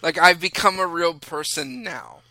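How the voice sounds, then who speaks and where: A man's voice: a little high, measured pace, bright, forceful tone, no echo. A man hosting a casual podcast from a room in his house, chatty and self-deprecating, rambling with restarts. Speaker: podcast host.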